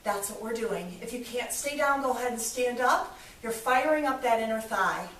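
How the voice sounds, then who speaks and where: A woman's voice: fairly high pitch, lively intonation, moderate pace, fairly bright tone, a little hiss or hum. A woman fitness instructor leading a workout, upbeat and encouraging as she counts reps, a little out of breath. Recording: echoey room, voice from a distance.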